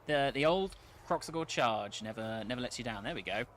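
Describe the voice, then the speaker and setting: A man's voice: medium pitch, expressive, a little fast, over a noisy crowd. A man streaming a strategy game, chatting casually and telling stories between battles. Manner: chatty, joking, tells stories.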